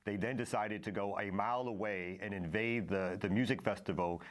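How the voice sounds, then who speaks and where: Male interview guest, community organizer, lowish voice, measured delivery with hesitant pauses. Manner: deliberate, hesitant pauses between phrases. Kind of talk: broadcast interview answer.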